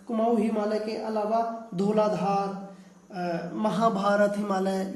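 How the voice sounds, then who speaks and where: Echoey man teaching a lesson. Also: sits high. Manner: asks questions and answers them himself; explanatory, repeats key terms. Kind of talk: geography class lecture.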